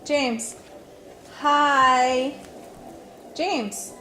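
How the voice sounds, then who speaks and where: Mom filming her kids at home, high voice, slow and sing-songy, echoey room w music on. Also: steady tone, pushed and bright. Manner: coaxing and scolding toddlers, sing-song prompts. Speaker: mother filming her children. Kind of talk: casual home video. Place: family home indoors.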